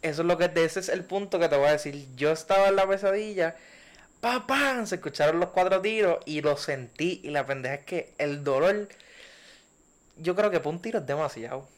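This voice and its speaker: A young man, co-hosting a casual podcast chat and telling stories in a loose, slangy way. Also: a little high. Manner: slangy storytelling, drawn-out and animated when telling a scary dream. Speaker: podcast co-host.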